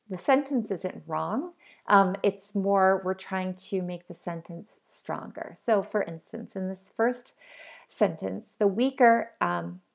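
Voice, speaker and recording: A woman with a gravelly, lowish voice gives a recorded online lecture as a college English instructor. Her explanation is unscripted and full of ums and uhs.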